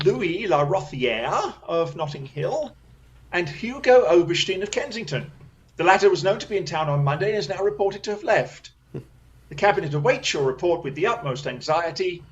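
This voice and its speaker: A man playing Sherlock Holmes in a radio play, a brisk, confident detective who speaks in an incisive, theatrical way. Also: high voice, muffled recording.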